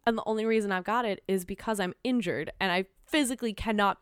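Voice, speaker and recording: Chatting casually on a podcast, this young woman from Minnesota has a mid-range, clear, resonant voice, a quick pace, and a slight Minnesotan accent. She's an animated storyteller who acts out quotes and laughs a lot. There's no room sound, and the audio is studio quality.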